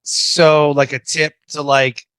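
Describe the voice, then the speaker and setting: A man in his forties, a podcast guest, talking in an energetic, rambling way. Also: on the high side, slow pace, clean tone, dry recording. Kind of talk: casual interview chat.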